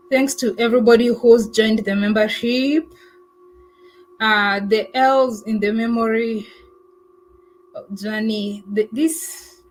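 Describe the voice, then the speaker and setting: A woman's voice: mid-range voice, slight background noise, poor audio. A woman travel vlogger chatting casually on a livestream, thanking viewers and answering their comments. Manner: chatty, thankful, laughs often, many fillers.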